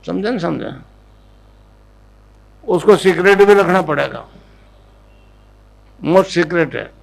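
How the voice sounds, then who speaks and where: A man giving a devotional discourse as a spiritual guru, teaching in an instructive way, often checking that listeners have understood and repeating a chant slowly for them to follow. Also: high-pitched, vocal fry, rough recording.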